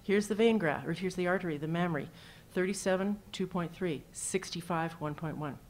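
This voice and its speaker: Low-voiced woman presenting surgical cases. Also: a little fast, slight background noise. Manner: casual, anecdotal, walks through slides with numbers. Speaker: cardiac surgeon presenting at a symposium. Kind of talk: conference presentation.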